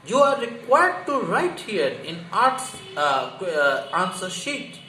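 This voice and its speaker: This Indian-accented history teacher has a high, sharp voice and is very animated yet slow-paced. In an exam prep lesson he explains things emphatically and didactically, repeating key phrases and posing rhetorical questions, recorded in an echoey room with faint noise behind him.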